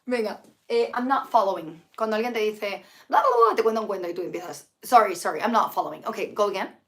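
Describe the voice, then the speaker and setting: Hoarse woman teaching English. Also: mid-range voice, brisk, a bit bright. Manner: chatty, mixes Spanish and English, reads out viewer comments. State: sick with flu, tired. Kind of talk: live-streamed English lesson.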